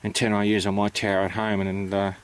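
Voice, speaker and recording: A man's voice: on the low side, completely flat delivery, quick pace, clean tone. A man with an Australian accent giving an informal, matter-of-fact explanation, hesitant and unscripted as he goes. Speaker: amateur radio operator presenting.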